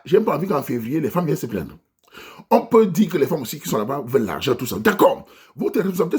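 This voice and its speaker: Husky, animated Cameroonian man ranting. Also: high-pitched. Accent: Cameroonian French. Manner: preachy, exhorting, addresses listeners directly. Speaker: vlogger addressing his diaspora audience. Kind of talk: impassioned monologue rant.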